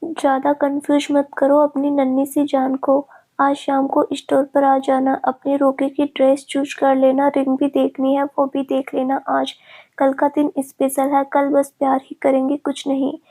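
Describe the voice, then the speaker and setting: Woman voicing a tender young fiancé, gently joking, high flat voice, storybook reading. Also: measured pace. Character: doting young man, loving fiancé.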